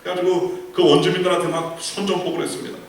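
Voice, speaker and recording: A man's voice: sits high, flat delivery, fast talker, slight background noise. A male pastor preaching a sermon, telling a story with rhetorical questions and quoted lines. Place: large church sanctuary. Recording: echoey church hall from far off.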